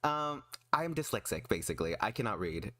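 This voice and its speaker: A man chatting casually on a livestream in an excitable, emphatic, self-deprecating way. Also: fairly low pitch, brisk, no room sound. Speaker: streamer and artist.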